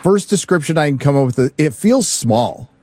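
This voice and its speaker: A man's voice: a little high, expressive, moderate pace, a little mellow, no room sound. A man talking bluntly and swearing freely in casual podcast chat.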